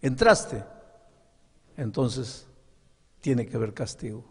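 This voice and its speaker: A man's voice: mid-range voice, creaky, slightly rough, exaggerated voice. A man voicing a firm but loving mother laying down the rules to her son, in a sermon story. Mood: stern. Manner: firm, deliberate, lively. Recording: long echo of a large hall.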